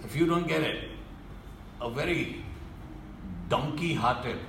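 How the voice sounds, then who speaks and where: A male preacher delivers a sermon at a slow, deliberate pace, stern and emphatic, sinking low to hammer a point home. His voice sits a little high for a man, with a gravelly edge. The recording is roomy and echoey, with faint ambience behind him. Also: a bit bright, a little hiss or hum.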